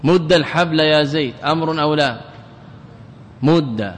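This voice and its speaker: A man teaching classical grammar as a sheikh, drilling example words and putting quick questions to his listeners. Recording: long reverb with faint rumble.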